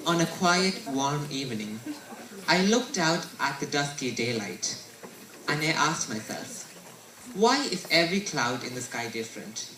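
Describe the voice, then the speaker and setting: Teen boy from india reading his school speech, bright voice, roomy echo from a far mic. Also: on the high side, expressive, measured pace, slight background noise. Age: teens. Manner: earnest, recited storytelling delivery. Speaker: student presenter. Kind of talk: scripted school presentation.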